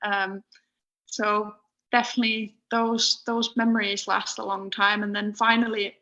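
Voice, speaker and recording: A young woman from Finland, a podcast guest speaking casually over an internet call, pausing often with ums. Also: medium pitch, little pitch movement, bright, forceful tone. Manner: hesitant, many ums and restarts. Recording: muffled internet call audio.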